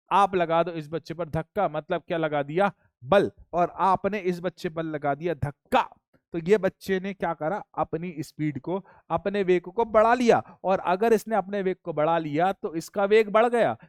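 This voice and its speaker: A high-pitched man gives a physics lecture, saying each key point twice and coaxing his students along. The sound is dry and close, with no room echo. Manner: repeats key points, addresses students as children. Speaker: physics teacher. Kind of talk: classroom lecture.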